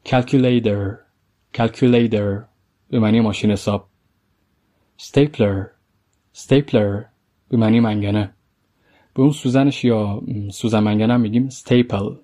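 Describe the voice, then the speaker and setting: A man with a low, mellow voice teaches vocabulary in a recorded lesson. He says each English word slowly and carefully twice before a short explanation. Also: steady tone.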